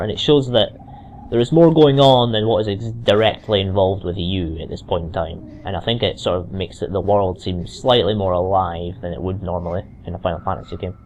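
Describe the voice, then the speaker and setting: Chatty mild Scottish man, low voice. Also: fairly quick, a little mellow, lo-fi sound, slight background noise. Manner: rambling, chatty, full of restarts and asides. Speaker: let's play commentator. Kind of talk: casual gameplay commentary. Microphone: cheap microphone.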